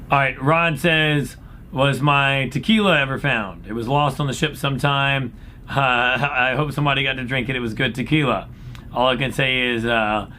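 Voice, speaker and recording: A man speaking as an upbeat, folksy cruise director, casually answering questions in a laid-back chat. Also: bright, forceful tone. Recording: clear background noise with low rumble.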